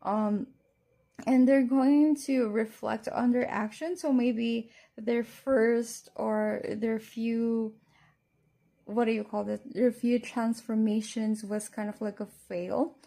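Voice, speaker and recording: A woman's voice: on the high side, steady tone, slow, gravelly, dark tone. A woman giving a casual tarot reading, speaking to the listener as a fortune teller. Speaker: tarot card reader.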